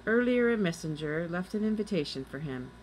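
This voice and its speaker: A woman voices an old male night watchman in a read-aloud storybook. He speaks politely and evenly, in a fairly low voice. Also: animated, brisk, darkish tone, a little hiss or hum, lightly acted, rough recording.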